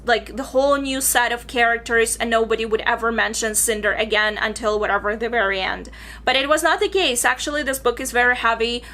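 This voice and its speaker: A woman's voice: on the high side, bright, forceful tone. A young woman from Bulgaria chatting enthusiastically through her book reviews in a casual vlog.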